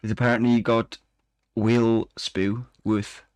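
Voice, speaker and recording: A man co-hosts a casual chat, reading strange news items aloud and adding dry jokes between them. His voice sits at an ordinary pitch and is recorded close and dry, with no room sound around it. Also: flat delivery, measured pace, darkish tone, clear, resonant tone, dry recording. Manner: laughs often, reads news aloud with dry asides. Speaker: podcast co-host.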